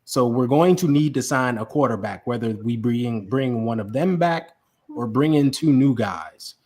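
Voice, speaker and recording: A husky-voiced man co-hosting a sports podcast in a relaxed chat. He talks with animation and hammers points home by repeating words. His pitch sits in an ordinary middle range. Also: normal speed. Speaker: podcast co-host.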